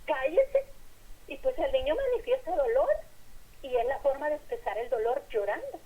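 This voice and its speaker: A woman's voice: high-pitched, lively intonation, a little fast, phone-quality sound. Earnest woman preaching a lecture. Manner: earnest, acts out quoted lines in short phrases. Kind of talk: sermon-style lecture.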